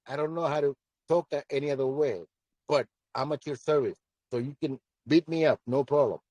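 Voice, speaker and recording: This project founder takes questions during a live audio session, his commanding voice mellow and dark, a little high, and fairly quick. Bluntness and repetition for emphasis mark his delivery, and the sound is dry without any room echo.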